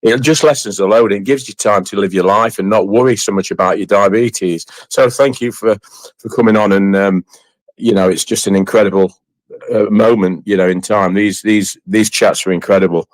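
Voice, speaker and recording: A man hosts a casual chat in a fairly low voice. He is effusive and rambling, often halting and doubling back on his phrases. The sound is dry, with very little room in it. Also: fairly even intonation, no room sound, rough recording. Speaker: host of an online community chat.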